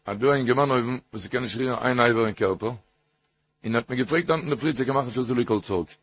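A man giving a Torah talk with stories, halting and repeating phrases, rising into an emphatic sing-song. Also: medium pitch, fairly bright tone, slightly rough.

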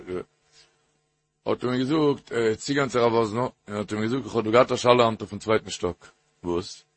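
A man giving a Torah talk with stories, halting and repeating phrases, rising into an emphatic sing-song. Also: mid-range voice, husky, dry recording.

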